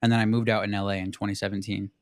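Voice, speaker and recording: A man's voice: fairly low pitch, level tone, rapid-fire, a little hiss or hum. A young man from southern Arizona hosting a podcast in a laid-back, casual way, saying "dude" and "like" a lot. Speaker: podcast host. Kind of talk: casual conversation.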